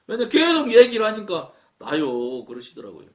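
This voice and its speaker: A man's voice: high-pitched, wildly swooping pitch, brisk. A man from Chungcheong with a Chungcheong accent, preaching a sermon, telling his story and acting out the dialogue. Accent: Chungcheong Korean. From Chungcheong, Korea. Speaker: pastor. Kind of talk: sermon talk. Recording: echoey room, mic at a distance.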